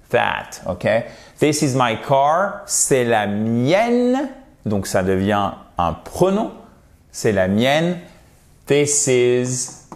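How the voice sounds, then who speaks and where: A man teaching a language lesson, spelling out and repeating example phrases and checking in often with short questions. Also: mid-range voice. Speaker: English teacher.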